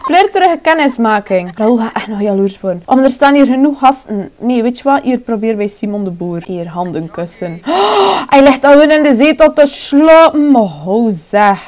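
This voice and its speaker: Excitable Flemish woman, higher voice. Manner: chatty, excitable, frequent exclamations. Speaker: gaming YouTuber. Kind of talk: casual let's-play commentary.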